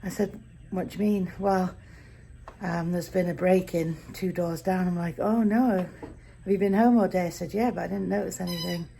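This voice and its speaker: A woman's voice: fairly low pitch, steady tone, moderate pace, gravelly, warm tone, a little hiss or hum, poor audio. A woman chatting casually to her viewers in a daily vlog, talking to them directly. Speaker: vlogger.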